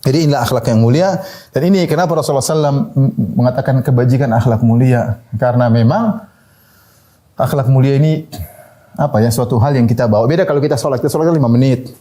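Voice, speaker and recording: A man's voice: medium pitch, fast talker, mellow. A male preacher giving a conversational sermon, laughing at his own asides and acting out the people he quotes in short bits of voice. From Indonesia.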